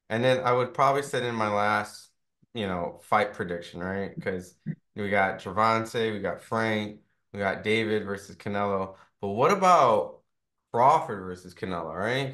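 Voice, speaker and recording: Interviewing a boxer in a relaxed, talkative way, this man speaks at a measured pace in a fairly low, pushed, bright voice. His speech is packed with fillers, and he keeps asking "right?"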